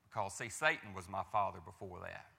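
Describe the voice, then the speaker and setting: A man with a Southern drawl tells his faith story in an earnest, halting way, circling back with repeated phrases and questions to his listeners. His voice is gravelly yet bright and pressing, and it carries a long hall reverb. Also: sits low. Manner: earnest, repetitive, with frequent restarts and rhetorical questions.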